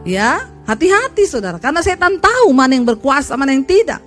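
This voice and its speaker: A woman pastor preaching an animated sermon, acting out quoted people as she tells the story. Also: high voice, fairly quick, soft background music.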